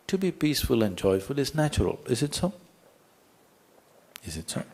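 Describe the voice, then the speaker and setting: A man giving a spiritual talk to an audience as a teacher, emphatic and full of rhetorical questions, telling parables. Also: medium pitch.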